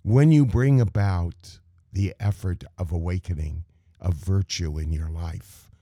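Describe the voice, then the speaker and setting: A man teaching meditation in a contemplative spiritual talk, measured and full of rhetorical questions. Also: low-pitched, dark tone, dry recording, clean studio sound.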